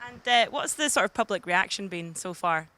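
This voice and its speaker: A woman's voice: mid-range voice, lively intonation, normal speed, pushed and bright, slight background noise. A woman reporter opening a story with upbeat rhetorical questions and then interviewing.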